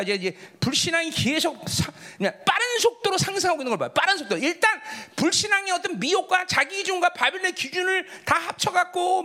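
A pastor preaching a sermon, swinging between high exclamations and low murmurs and calling on members of the congregation by name. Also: male voice, bright, forceful tone.

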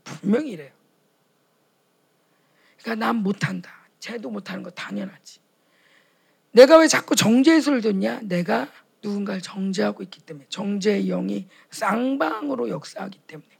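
A woman's voice: mid-range voice, animated, normal speed, vocal fry, darkish tone, breathy edge. A woman preaching a sermon at a retreat for pastors' wives, speaking with passion and acting out short quoted dialogues. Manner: impassioned, acts out quoted dialogues.

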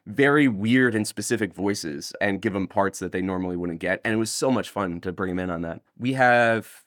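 With a fairly low voice at a moderate pace, a man who creates audio dramas is interviewed in a casual, animated chat. He rambles, cracks jokes, and keeps interrupting himself, all in studio quality with no echo.

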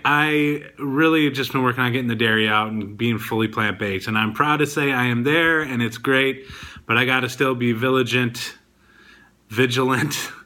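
A man talks straight to his audience in a loose, chatty vlog style. He rambles and fills pauses with ums. His voice sits at an ordinary pitch and has a bright, forward tone. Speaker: podcast and video host. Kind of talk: casual diet vlog talk.

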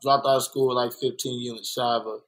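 The speaker is a young man from Los Angeles, a muralist guest born in Kansas City and raised in South Central, whose medium-pitched voice is level, fast and fairly bright. He talks earnestly and reflectively in a candid interview, restating points for emphasis, on a low-quality recording.

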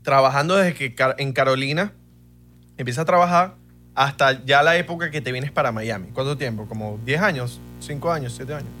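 Venezuelan host telling anecdotes. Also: male voice, medium pitch, brisk, bright, forceful tone, soft background music. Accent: Venezuelan Spanish. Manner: storytelling, mimics accents playfully. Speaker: podcast host.

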